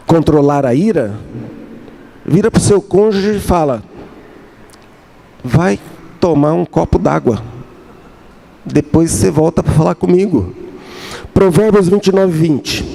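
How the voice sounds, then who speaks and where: A man's voice: fairly high pitch, mellow. A middle-aged man preaching a sermon as pastor, repeating key phrases and acting out little dialogues. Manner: slow, repeats key phrases, acts out dialogue with his wife.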